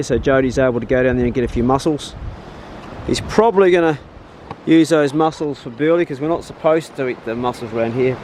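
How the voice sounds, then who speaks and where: A man's voice: mid-range voice, darkish tone, slight background noise. A man with a broad New Zealand accent, chatting casually to camera as a vlog host in a laid-back, slangy, blokey way.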